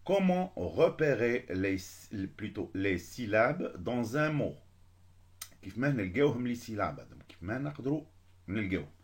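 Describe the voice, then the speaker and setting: Algerian guy teaching french to kids, low voice that jumps around a lot, slows way down on the syllables. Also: big pitch swings. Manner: mixes French with Algerian Arabic, drawn-out syllables. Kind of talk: French lesson for beginners.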